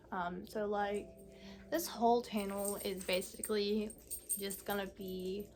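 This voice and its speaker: A young woman of eighteen speaks candidly straight to her viewers. She talks slowly and haltingly, with frequent fillers and pauses in a soft, mid-pitched voice. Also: vocal fry, a little hiss or hum. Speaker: vlogger. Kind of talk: casual personal vlog talk.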